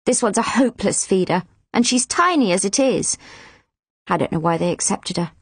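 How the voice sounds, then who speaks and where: Woman putting on a stern older nurse in a storybook, blunt and gloomy, voice dropped low and gravelly. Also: animated, normal speed, dry recording. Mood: grim. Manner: blunt, grim.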